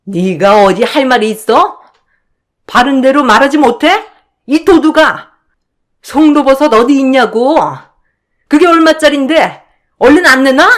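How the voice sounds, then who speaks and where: A woman putting on a shrill, scornful sister-in-law. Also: expressive, measured pace. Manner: sharp, scornful and shouting. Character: shrill, arrogant sister-in-law accusing of theft.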